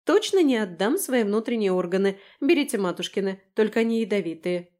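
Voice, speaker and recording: A woman's voice: mid-range voice, lively intonation, fairly quick, darkish tone, natural voice. A woman voicing a brash, sarcastic, chatty young woman in an audiobook, teasing and mocking. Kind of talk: audiobook character voice.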